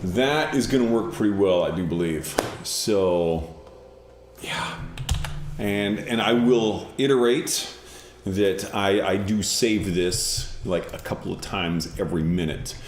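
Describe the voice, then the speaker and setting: A man streaming while he composes, thinking aloud in a halting, self-correcting way in casual livestream talk. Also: deep voice, a little hiss or hum. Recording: roomy sound with guitar behind.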